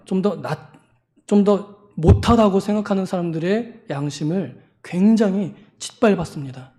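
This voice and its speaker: A male preacher with a Seoul Korean accent giving a lively sermon in a church, acting out scolding voices with sudden loud outbursts. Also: high-pitched. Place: church sanctuary.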